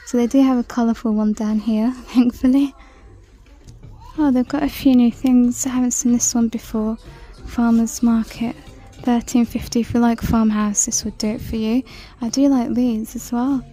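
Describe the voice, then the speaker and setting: A woman chatting through a shopping walk-through in a large store, reading out prices and sometimes dropping to a soft whisper, filmed on a handheld phone. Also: fairly high pitch, little pitch movement, moderate pace, soft background music. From United Kingdom. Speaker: shopping vlogger. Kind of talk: casual shop-with-me commentary. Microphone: handheld phone camera.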